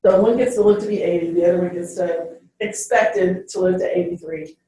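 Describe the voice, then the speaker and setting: The classroom is very echoey and the mic distant as a woman lecturer, mid-range and a little mellow, checks in with "okay?" at the end of each point she makes.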